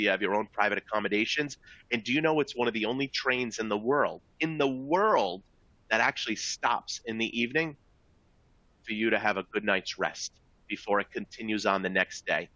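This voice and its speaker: A man's voice: fairly low pitch, steady tone, a little fast, sharp tone, no room sound, highs cut off. A man presenting rail vacations in an upbeat, salesy talk, addressing listeners as folks. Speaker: travel company presenter. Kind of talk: sales presentation to travel advisors.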